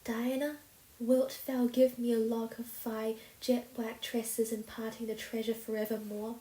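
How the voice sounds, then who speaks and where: A woman voicing a dramatic, romantic young orphan girl who speaks in high-flown, theatrical phrases. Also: steady tone, normal speed, dark tone, close to an everyday voice. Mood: solemn. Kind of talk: storybook reading. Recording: roomy echo.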